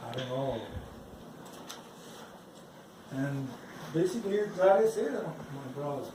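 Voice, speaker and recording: A man, not a native English speaker, giving a personal religious testimony in halting speech, often restarting and repeating his words. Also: medium pitch, animated, background noise. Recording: roomy, from some distance off the mic.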